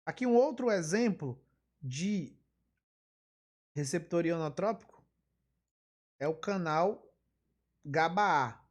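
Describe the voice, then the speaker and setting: A woman's voice: lowish voice, lively intonation, slow, pauses often, darkish tone. A woman giving a live online physiology lecture. She explains by repeating key terms, wanders into asides, and throws in emphatic rhetorical questions.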